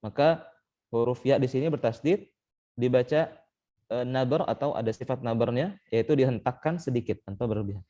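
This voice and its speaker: Heard through muffled audio, this young adult man has a mid-range, dark voice and talks fairly quickly. He's a Quran recitation teacher explaining tajwid one step at a time to an online class via a call mic, frequently using "eh" and "baik."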